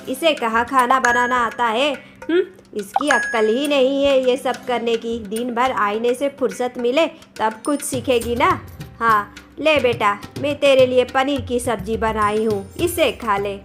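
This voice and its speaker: Woman voicing a scolding cartoon mother-in-law. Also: a little high. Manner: scolding, sharp-tongued. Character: bossy older mother-in-law, quarrelsome and scolding. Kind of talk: cartoon story voice acting. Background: background music.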